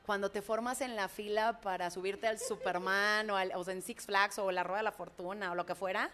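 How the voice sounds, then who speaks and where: A woman with a Mexican accent, a public speaker and announcer, telling anecdotes in a lively, colloquial, frank way in conversation. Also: medium pitch, brisk. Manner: expressive, imitates heartbeats and screams. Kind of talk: animated storytelling in conversation.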